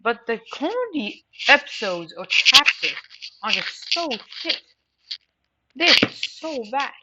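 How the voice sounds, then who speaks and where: An anime and manga reviewer gives a casual, unscripted opinion in a high voice with big pitch swings and a slow pace. She rambles and repeats words emphatically for stress. A dull lo-fi mic adds faint noise.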